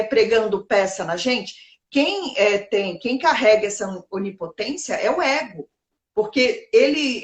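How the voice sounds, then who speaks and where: Reflective woman, roomy sound. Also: on the high side. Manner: reflective, poses rhetorical questions and answers them. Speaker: host of a live self-help talk. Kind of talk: casual live talk.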